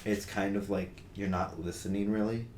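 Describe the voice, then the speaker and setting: A man's voice: on the low side, steady tone, normal speed, a little mellow. A young man co-hosting a podcast in casual discussion, talking earnestly with many fillers and restarts. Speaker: podcast co-host. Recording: roomy with faint noise.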